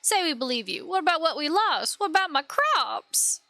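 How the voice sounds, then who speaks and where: Aggrieved village folk from a fantasy game, voiced by a woman, grumbling in a twangy put-on Southern drawl. The tone is indignant and blunt, pitched high with a bright edge. It is recorded dry and close, with faint game music underneath. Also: sing-song, moderate pace, dry recording, exaggerated voice. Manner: indignant, complaining. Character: aggrieved rural villagers, adult men, angry and blunt.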